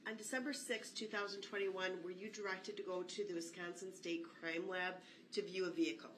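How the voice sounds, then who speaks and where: A woman's voice: lowish voice, steady tone, fairly quick, fairly bright tone. A woman prosecutor questioning a witness formally and methodically. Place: courtroom. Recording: echoey courtroom, distant mic, faint noise.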